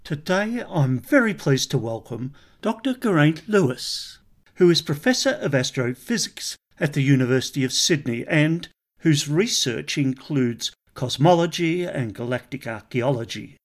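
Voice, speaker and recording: A man hosting an interview, asking prepared questions in a polite, measured way. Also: fairly high pitch, lively intonation. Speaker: podcast host interviewer.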